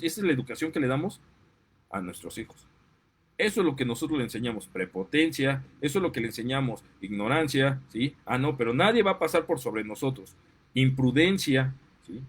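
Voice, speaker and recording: A man's voice: medium pitch, animated, a little fast, husky. Mexican man, parent, heated opinion monologue, indignant, gets worked up. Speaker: parent and commentator. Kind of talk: impassioned monologue.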